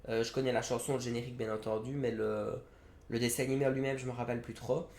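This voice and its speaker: A man's voice: mid-range voice, little pitch movement, quick pace, darkish tone. A young man reviewing trading card game products in a casual, hesitant way, with frequent fillers and self-corrections. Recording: roomy echo, faint background noise.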